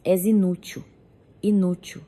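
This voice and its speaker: A domineering older mother-in-law scolds and belittles, her voice low and contemptuous, as a woman narrator voices her. The tone is dark and mellow, with hard accusing edges in a storybook reading. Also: little pitch movement, unhurried, lightly acted. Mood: scolding.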